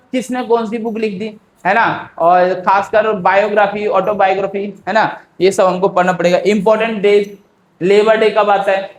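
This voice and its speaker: A man teaching an exam-prep lesson in a chatty, unhurried way, often checking in with his students. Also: sits high. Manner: chatty, repeats tag questions, calls listeners "beta"; speaks slowly by habit. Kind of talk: casual exam-prep lecture. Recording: roomy echo.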